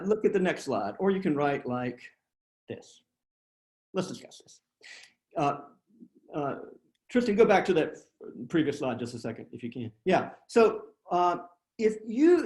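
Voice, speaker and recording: On a video call, a man runs a writing workshop as a webinar presentation, speaking plainly and poking fun at himself, with frequent fillers and restarts. His voice is a little high with a darkish tone, and the recording is reverberant.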